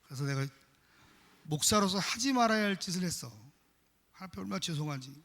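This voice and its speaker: A middle-aged man preaches from the pulpit in a high, bright voice with a gravelly edge. He swings between loud exhortation and quiet, confessional storytelling. A long church reverb trails each phrase. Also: expressive, brisk. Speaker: pastor. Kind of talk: sermon. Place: church sanctuary.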